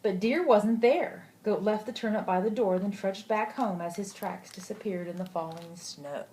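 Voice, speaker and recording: A sweet old lady, a grandmother, reading a picture book aloud gently and affectionately, with asides to a child. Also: mid-range voice, moderate pace. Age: older. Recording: clearly noisy home recording.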